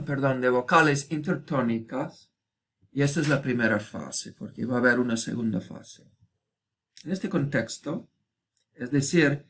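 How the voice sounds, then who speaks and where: A man giving a recorded lecture, slowly repeating each example word and asking listeners quick check questions. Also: medium pitch. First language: Spanish.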